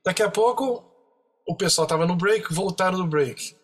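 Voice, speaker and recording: A Brazilian man with a Brazilian Portuguese accent, a percussionist guest excitedly telling stories in a podcast interview, full of slangy asides. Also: high voice, moderate pace, husky.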